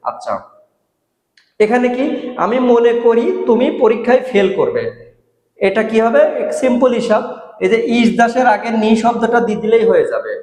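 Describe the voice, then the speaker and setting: Man, high voice, language teacher, repeats words, asks himself questions, long reverb. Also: lively intonation, darkish tone. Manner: repeats words and phrases slowly, asks and answers his own questions. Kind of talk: explaining Russian grammar in Bengali. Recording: echoey room with long reverb.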